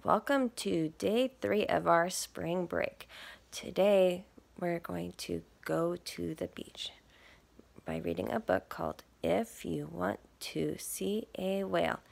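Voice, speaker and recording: Reading a picture book to small children, a woman takes on a teacher's manner, expressive, full of questions, and punctuated by soft, breathy asides. Her pitch is fairly low.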